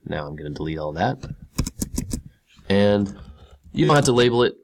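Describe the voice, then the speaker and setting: With slight background noise behind him, a male computer science teacher with a fairly low, sing-song voice talks at normal speed through a screen-recorded tutorial. He chats casually as he clicks through each step, repeating key words to drive them home.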